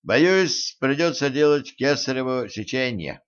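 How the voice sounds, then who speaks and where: A man voicing a calm, tactful male doctor who speaks in a slow, measured, hesitant way, in a dull lo-fi recording. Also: mid-range voice, clear, resonant tone, lightly acted.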